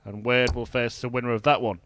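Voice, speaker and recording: A man giving live darts commentary in measured, analytical short observations. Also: medium pitch, little pitch movement, fairly bright tone, slight background noise.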